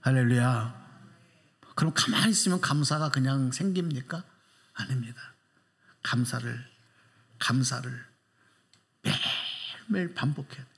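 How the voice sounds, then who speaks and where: Unhurried and a bit bright, the pastor takes long pauses while preaching in church. His sermon is emphatic, full of rhetorical questions aimed at the congregation and broad swings in pitch for emphasis.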